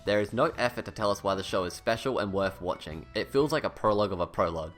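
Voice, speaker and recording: A male video reviewer reads a scripted critical review at a quick pace in a fairly low voice. He has a lisp that slurs his s toward a slushy sh sound, and his manner is blunt, sarcastic, and sweary, at times self-deprecating. It's a voice-over with background music underneath.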